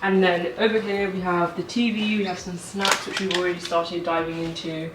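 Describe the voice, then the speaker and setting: A woman's voice: on the low side, level tone, normal speed, very noisy. A young woman from Portugal, a travel vlogger, chatting casually through a room tour and her travel day. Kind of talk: casual vlog narration. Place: hotel room and car. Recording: distant camera mic with loud music.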